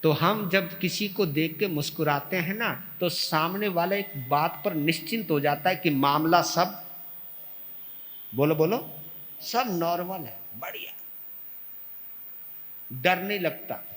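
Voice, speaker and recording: A high, animated male monk delivering a slow, unhurried sermon. He swings from loud outbursts to soft asides as he acts out quarrels, and a long reverb hangs behind him. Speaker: Jain monk giving a discourse.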